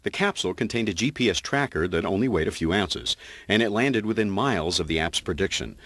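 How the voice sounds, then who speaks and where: A man reporting a scripted TV news story in a lively storytelling delivery. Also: sits low, fairly quick, a little hiss or hum.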